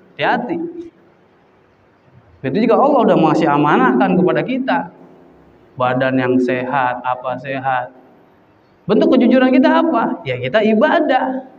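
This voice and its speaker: A man with a Betawi accent giving a casual, jokey sermon, telling a folksy story with loud acted cries. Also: high-pitched, a little hiss or hum. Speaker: preacher. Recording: roomy hall from far off, dull sound.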